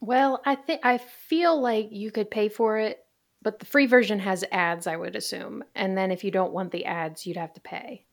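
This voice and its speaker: A woman hosts a casual podcast from inside a closet. Her medium-pitched voice is chatty and jokey, like talk among friends. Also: normal speed, vocal fry. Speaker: podcast host.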